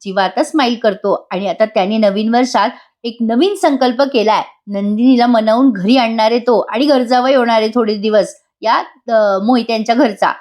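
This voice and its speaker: A woman's voice: on the high side, moderate pace, darkish tone. A woman giving a chatty, casual voice-over review of a TV serial, addressing her viewers directly.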